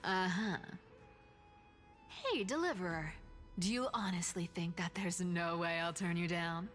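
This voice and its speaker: An actress playing a sly, flippant trickster thief with a teasing, casual way of talking in a video game. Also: female voice, lowish voice, measured pace, a bit bright, soft background music. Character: sly, teasing female master thief, long-lived trickster.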